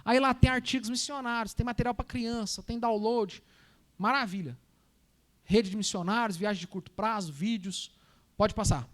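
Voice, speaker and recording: A man's voice: sits high, normal speed, fairly bright tone. A missionary man with a Minas Gerais accent gives a Sunday school talk to a church. He moves through his slides and keeps turning to the listeners as brothers and sisters. His delivery stays loose and conversational. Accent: Minas Gerais Brazilian Portuguese.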